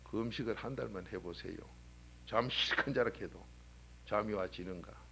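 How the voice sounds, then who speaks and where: A man preaching a sermon as a pastor, talking in a colloquial way and firing off rhetorical questions. He swings between loud exhortation and low, quiet asides. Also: moderate pace, creaky, slight background noise. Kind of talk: early-morning sermon. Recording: 1997 church sermon recording.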